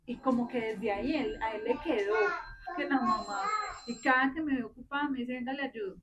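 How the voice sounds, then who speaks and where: A woman's voice: fairly high pitch, brisk, lo-fi sound, heavy background noise. A woman, a mother, earnestly sharing a personal story about her children during a class discussion.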